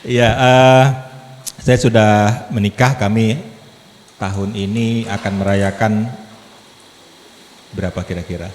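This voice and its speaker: A man's voice: on the low side, steady tone, slow, pauses often, darkish tone. A man in his fifties preaching as a lay speaker to a congregation, chatty and joking, drawing the audience in with questions. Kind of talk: sermon with humor. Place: church hall. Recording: echoey hall, faint background noise.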